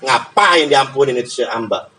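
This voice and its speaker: A man's voice: medium pitch, moderate pace, a little hiss or hum, rough recording. A man giving a casual religious study lesson, joking and acting out dialogue. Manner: lively, joking, acts out dialogue. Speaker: preacher. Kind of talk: casual Islamic study sermon.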